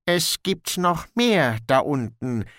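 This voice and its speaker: A man's voice: fairly high pitch, big pitch swings, slow, a bit bright, no echo, studio quality, voice pushed up, full character voice. A man voicing a wary male dwarf guard in an audiobook, who hesitates often. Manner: hesitant, with "äh" fillers.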